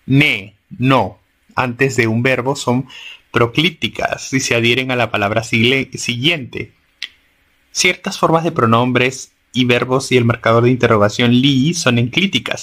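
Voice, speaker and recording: Male teacher reading grammar notes aloud, halting and restarting as he sounds out examples. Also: mid-range voice, fairly bright tone.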